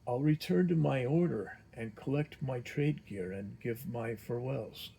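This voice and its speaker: A man's voice: medium pitch, a little slow, gravelly, warm tone, slight background noise, rough recording. A man voicing a humble shaggy monk. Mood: earnest.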